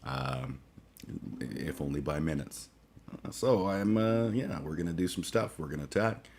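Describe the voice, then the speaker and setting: A man's voice: rumbling low, a little mellow, a little hiss or hum. A man in his forties hosting a casual livestream chat, groggy after a late night and rambling with fillers, restarts and cursing. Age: 40s. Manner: halting, many fillers and restarts, profane. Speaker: livestream host.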